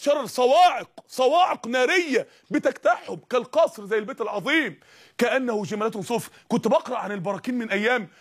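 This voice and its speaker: A man with an Egyptian Arabic accent preaching a fiery sermon, firing rhetorical questions and rising to shouts. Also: extremely high pitch, breathy edge.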